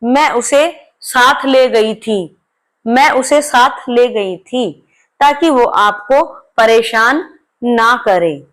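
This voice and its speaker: A gracious young daughter-in-law from a spoken folk tale, voiced by a woman. She talks softly and slowly in a slightly high voice. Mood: gentle.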